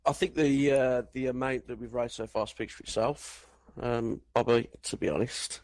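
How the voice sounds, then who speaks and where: A man's voice: mid-range voice, steady tone, normal speed, a little mellow, no echo. A man co-hosting a gaming podcast, chatting with wry, self-deprecating banter. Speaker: podcast co-host. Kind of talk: casual podcast chat.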